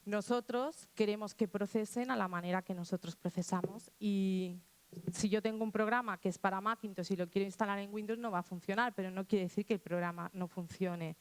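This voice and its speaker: A woman's voice: mid-range voice, steady tone, a little fast. Spanish woman giving a casual talk to teachers, lots of restarts, acts out what kids said. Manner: conversational, acts out child quotes, many restarts.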